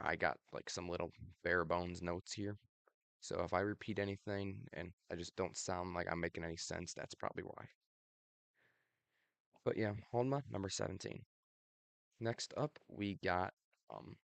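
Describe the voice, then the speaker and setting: A young video host with a very low, gravelly voice offers casual predictions commentary in a loose, relaxed way, using many ums and laughing at himself. Allergies leave his voice a little raspy. The recording is dry and close, with no room sound.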